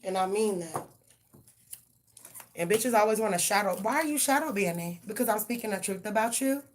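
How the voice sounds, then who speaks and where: A woman's voice: mid-range voice, normal speed. A woman giving a live tarot reading and ranting bluntly, with heavy profanity. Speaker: tarot reader.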